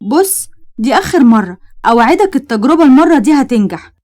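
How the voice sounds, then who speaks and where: A woman with an Egyptian accent voicing an eccentric young woman inventor who talks in an excited, defiant way. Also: high voice, brisk. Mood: earnest.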